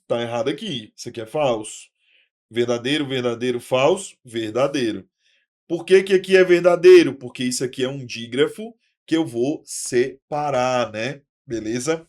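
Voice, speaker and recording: Male exam-prep teacher, mid-pitched voice, lively and conversational, addresses viewers formally, keeps checking they follow. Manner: lively, talks to viewers as "senhoras e senhores" with tag questions; acts out student questions himself. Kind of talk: recorded online lesson.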